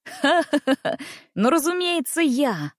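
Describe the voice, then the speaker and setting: A woman's voice: mid-range voice, lively intonation, measured pace, dry recording, clean studio sound, close to an everyday voice. A woman voicing a mischievous, cheerful teenage boy who teases his friends with a ringing laugh. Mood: merry teasing. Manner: laughing, teasing.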